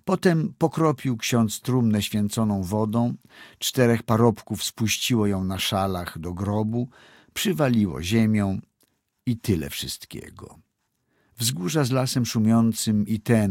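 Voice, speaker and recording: Male audiobook narrator; measured and sober, low-pitched and somewhat husky. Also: expressive, darkish tone, dry recording, clean studio sound. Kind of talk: scripted narration of a classic story.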